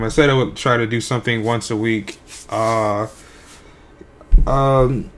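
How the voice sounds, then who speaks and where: A young man live-streaming his game development at night, sleepy, his voice a little worn, rambling and hesitant with many fillers. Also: medium pitch. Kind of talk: casual live-stream talk.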